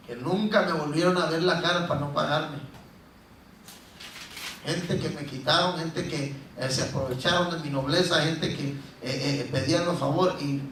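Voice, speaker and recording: A middle-aged man preaching a sermon as pastor, telling stories in an animated way and acting out pleading voices. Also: fairly high pitch, a little hiss or hum. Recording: roomy echo from a distance.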